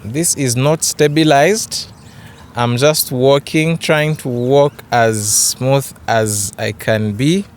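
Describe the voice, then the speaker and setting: A man's voice: medium pitch, slow pace, a little hiss or hum. A young man with a Ugandan accent giving a casual camera review vlog, a bit hesitant and repeating his words. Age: young adult. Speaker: photography vlogger. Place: open grassy yard outdoors.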